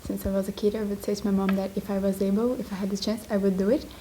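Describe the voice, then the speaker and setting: A teenage exchange student from Brazil, chatty and upbeat. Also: female voice, mid-range voice, flat delivery, quick pace, mellow, a little hiss or hum, low-quality recording. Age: late teens.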